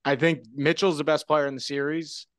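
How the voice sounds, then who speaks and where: A man, a guest sportswriter, chatting casually on a podcast in a relaxed, rambling way with frequent restarts. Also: fairly high pitch, normal speed, dry recording.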